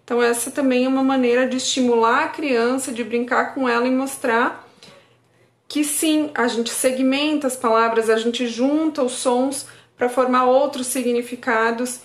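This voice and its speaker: Woman teaching in an echoey room. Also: fairly high pitch. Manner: calm, stretches out example words syllable by syllable. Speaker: speech therapist. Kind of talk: educational talk for parents.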